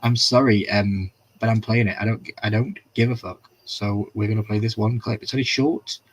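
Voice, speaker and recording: A man's voice: fairly low pitch, steady tone, normal speed, slightly rough, lo-fi sound. A man hosting a casual live-stream recap, chatty and profane, reading viewers' comments aloud as he goes.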